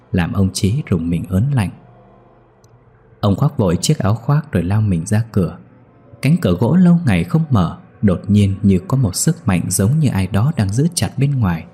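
A low, dark, very husky male voice tells a ghost story in a slow, somber way. Soft music plays faintly under the narration. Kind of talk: scripted horror story narration.

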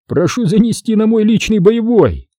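A man voicing a brash young soldier who shouts quips under fire, in a husky dark voice. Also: sits high, big pitch swings, normal speed, no room sound, studio quality, pitched above the performer's own voice. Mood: wry.

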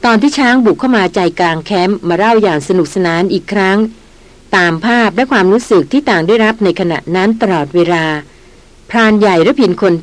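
A woman narrating an adventure novel as an audiobook in an even storytelling manner. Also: mid-range voice, brisk.

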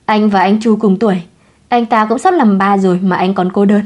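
A woman's voice: mid-range voice, fairly even intonation, moderate pace, a little mellow, natural voice. A woman voicing a carefree, playful young man who teases and mocks himself. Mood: teasing. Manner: breezy, teasing. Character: easygoing playboy man, joking and self-mocking.

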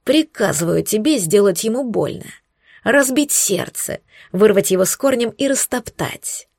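A woman voicing a scornful, smug young female witch who mocks and threatens in slow, hissing tones, recorded dry and close. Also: medium pitch, expressive, gravelly, a little mellow, dry recording. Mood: sneering. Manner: mocking, hissing, drawn-out threats.

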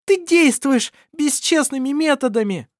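A reader voicing a defiant young woman who cries out high and indignant, in an audiobook. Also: animated, a little slow, dry recording, clean studio sound.

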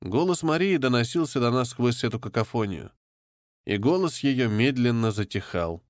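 A man narrating a first-person audiobook in a steady, measured way. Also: medium pitch, no echo, clean studio sound.

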